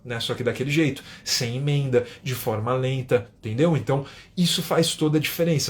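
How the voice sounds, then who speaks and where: A man from Brazil with a São Paulo accent, teaching English in a live stream and talking casually, often tagging his sentences with little checks for agreement. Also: medium pitch. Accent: São Paulo Portuguese. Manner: chatty, keeps adding tag questions.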